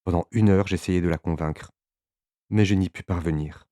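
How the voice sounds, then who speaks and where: A man narrating a literary audiobook in a measured way, with occasional small hesitations. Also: low voice, fairly even intonation, warm tone, no echo, studio quality.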